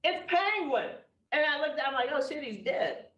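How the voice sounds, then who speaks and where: A woman's voice: high-pitched, sing-song, moderate pace, a bit bright. A woman playing a chatty, scolding widowed neighbor in a live improv comedy scene. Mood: gossipy. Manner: chatty, scolding, full of asides. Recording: echoey room from far off, dull.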